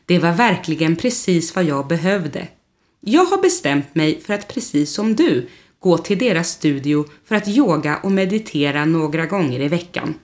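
A woman reading a storybook voices a calm, reassuring man. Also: low-pitched. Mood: content.

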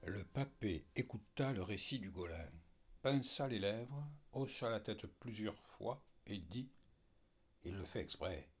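A man narrating an audiobook in a measured storytelling manner. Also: lowish voice, faint music behind.

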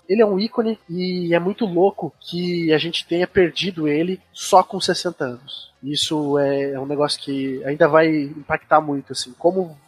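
A man's voice: high voice, husky. A man, chatting passionately on a podcast and telling stories. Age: 20s. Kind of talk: casual podcast chat.

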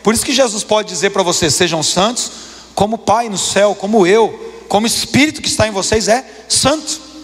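A Brazilian man in his thirties preaching a sermon as pastor, impassioned, his voice climbing higher when he presses a point. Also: brisk, fairly bright tone. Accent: Brazilian Portuguese. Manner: impassioned, rises in pitch when preaching hard. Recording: long hall reverb.

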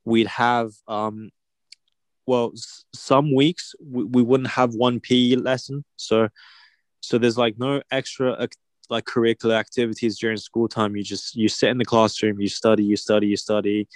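With a medium-pitched voice and flat delivery at normal speed, a young man originally from China teases his buddy in easygoing conversation, frequently breaking into laughter. There's no echo.

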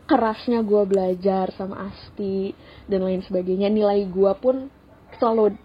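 A young woman telling a story on a casual podcast, animated and acting out quotes. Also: medium pitch, moderate pace, lo-fi sound, slight background noise. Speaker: podcast host.

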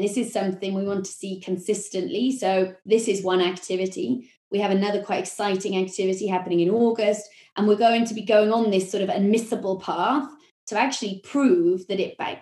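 A woman with a Welsh accent, a marketing executive explaining her work in a podcast interview, measured and full of corporate phrasing. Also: mid-range voice, steady tone, darkish tone, echoey room.

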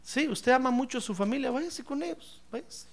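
A man's voice: extremely high pitch, lively intonation, a little fast, vocal fry. A man preaching a sermon in church, emphatic and ironic, often calling his listener brother. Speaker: pastor.

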